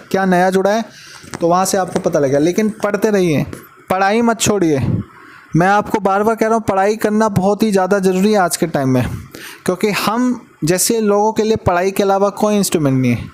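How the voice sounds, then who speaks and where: Male maths tutor, high-pitched, talks like a big brother, repeats himself for emphasis. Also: brisk, a little mellow, slight background noise. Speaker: maths teacher. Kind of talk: casual classroom lesson and advice to students.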